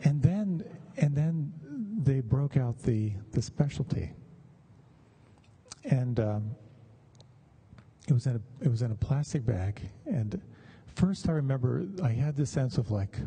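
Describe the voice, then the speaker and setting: This middle-aged or older man's meditation talk is animated, with a warm, mid-range voice that's slightly rough. He shares personal stories conversationally but at a measured, halting pace with pauses.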